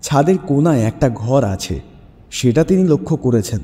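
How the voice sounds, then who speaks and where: A male narrator and host reads scripted dramatic prose in a very dark, mellow voice of medium pitch, expressive and at a moderate pace. Long reverb sits on his voice over a music bed.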